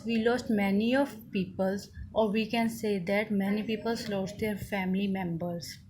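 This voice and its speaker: A young woman with an Indian accent gives a prepared speech at a slow pace. Her phrasing is halting and deliberate, at a medium pitch. Faint noise sits behind her. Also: rough recording. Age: young adult. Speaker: student contest speaker.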